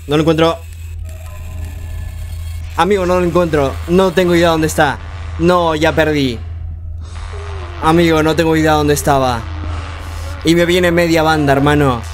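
A frantic young man, narrating a horror game live as he plays. His voice sits a little high, and he fires off rapid repeated words while joking with the game's characters. Faint game music plays underneath. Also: fairly even intonation. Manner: jokey, talks to the game's characters. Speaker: gaming streamer.

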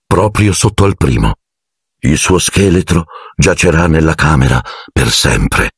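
A man's voice: very deep voice, big pitch swings, unhurried, breathy edge, no echo, clean studio sound, heavily acted. A man voicing a strict older woman professor who speaks firmly and clipped. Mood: grave. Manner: firm, clipped.

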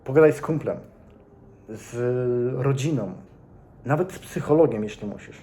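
A man's voice: medium pitch, moderate pace, dark tone. A young man giving earnest, casual commentary to his viewers, speaking to them directly and repeating points for emphasis. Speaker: vlogger.

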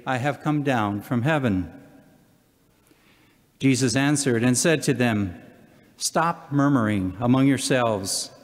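An older man, a deacon speaking from the lectern in a measured, solemn way as he reads and preaches. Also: mid-range voice. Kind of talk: scripture reading and homily. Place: large church, at the lectern. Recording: long church hall reverb.

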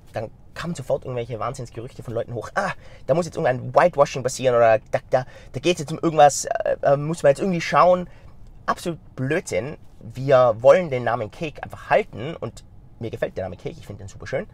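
Sitting in a car in city traffic, a middle-aged company founder who vlogs speaks directly to the camera, a phone mounted in the vehicle. Despite a slight stuffy cold, he's energetic and gestures with his hands. His voice is fairly high with a breathy edge.

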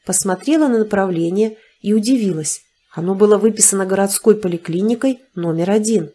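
A woman narrating a first-person audiobook in an even storytelling manner. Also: medium pitch, brisk.

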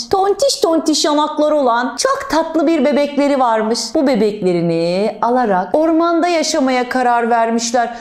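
A woman teacher leads a storytelling lesson for young children. Her voice sits high and she talks with an animated, exaggerated sing-song lilt. The recording has a roomy echo. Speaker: primary school teacher.

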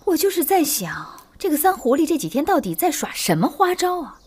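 A sarcastic concubine, high voice, swooping intonation, period TV drama, music behind. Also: female voice, big pitch swings, a little mellow. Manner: teasing, sarcastic, quick to explain schemes. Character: sharp-tongued scheming second concubine, woman. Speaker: second concubine in household. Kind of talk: Chinese period TV drama, dubbed dialogue.

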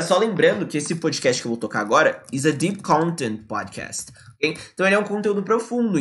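A man teaching English on a live stream, dropping into slow, careful English for his examples. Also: a little high, a bit bright.

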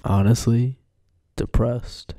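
A man playing a despairing, withdrawn young man in a halting, confessional film monologue. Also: medium pitch, steady tone, dark tone.

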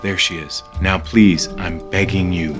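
An actor playing a defensive, exasperated husband who pleads and protests, in a TV drama scene with soft music behind. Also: male voice, deep voice, steady tone, measured pace. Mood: pleading. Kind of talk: TV drama acting. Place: indoor home dining room.

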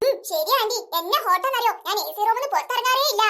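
Squeaky cartoon schoolgirl. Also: lively intonation, quick pace, pushed and bright, exaggerated voice. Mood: wheedling. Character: bossy little schoolgirls in a cartoon. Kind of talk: cartoon voice acting.

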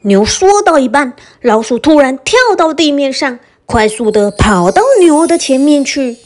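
A woman storyteller reading a children's bedtime story in a gentle, expressive voice. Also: high voice, moderate pace, over music.

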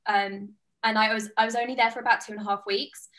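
Speaking quickly in a fairly bright voice on the high side, a woman keeps her tone steady. She is a British online fitness coach in her twenties and a guest on a relaxed video call, chatting enthusiastically and gesturing with her hands from a small, plain-walled indoor room.

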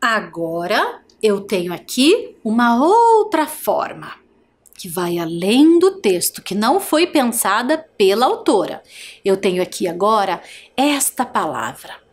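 A woman with a Brazilian Portuguese accent teaches a televised primary school class. She dictates in a slow, drawn-out way, stretching each word syllable by syllable. Her pitch swings widely as she asks the children questions. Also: big pitch swings.

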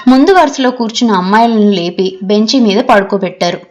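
A woman's voice: mid-range voice, brisk, a little mellow, slight background noise. Woman narrating a novel audiobook.

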